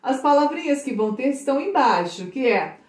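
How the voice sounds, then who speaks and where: A woman teacher with a Brazilian accent giving an online English lesson to children, reading lines aloud and translating them warmly. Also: sits high, very animated. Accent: Brazilian Portuguese. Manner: affectionate, slow and drawn out, reads English lines then translates. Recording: echoey room.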